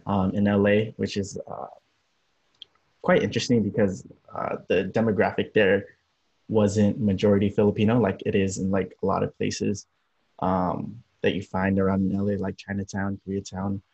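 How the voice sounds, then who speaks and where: A young man from Los Angeles, a podcast guest, talking about his upbringing in a relaxed, rambling way with many fillers. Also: lowish voice, moderate pace, vocal fry, slightly rough. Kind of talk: casual interview. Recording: dull lo-fi audio.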